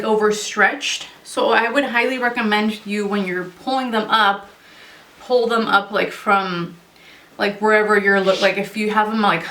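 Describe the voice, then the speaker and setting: A young woman, slightly out of breath, giving a casual, conversational product review to camera with hesitant pauses. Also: mid-range voice, fairly bright tone. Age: young adult. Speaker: vlogger reviewing clothing. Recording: roomy echo, distant microphone.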